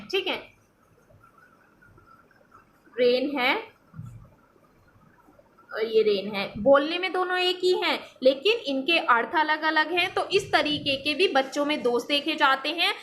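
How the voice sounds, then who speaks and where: A woman's voice: high voice, sharp tone, slight background noise. A woman teaching an exam-prep lesson, explaining step by step and often checking in with her listeners. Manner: explanatory, repeats "theek hai" as a check-in.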